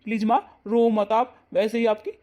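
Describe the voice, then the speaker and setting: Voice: medium pitch, flat delivery, normal speed, lo-fi sound, close to an everyday voice. A voice actor doing a hot-tempered young husband. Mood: coaxing. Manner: loud, scolding. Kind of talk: cartoon voice acting.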